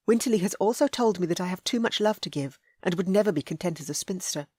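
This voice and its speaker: A woman voicing an earnest, lovestruck young noble lady in a romance audiobook, eager and breathy. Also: fairly low pitch, lively intonation, fast, a little mellow, no echo, studio quality.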